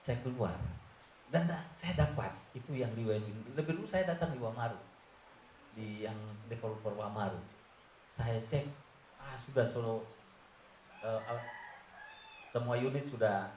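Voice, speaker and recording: Earnest Manado pastor in an echoing church. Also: male voice, unhurried, pauses often, darkish tone, slight background noise. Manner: earnest preaching, sweeping from low confiding tones to raised emphatic ones. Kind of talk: sermon. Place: church hall. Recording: roomy church echo, faint ambience.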